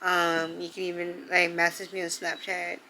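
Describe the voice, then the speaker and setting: Young woman talkin straight to camera, kinda emotional, lots of "like", lowish bright voice. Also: completely flat delivery, normal speed, slight background noise, rough recording. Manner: earnest, heartfelt, full of "like" fillers. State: emotional, near tears. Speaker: vlogger. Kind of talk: sit-down advice vlog.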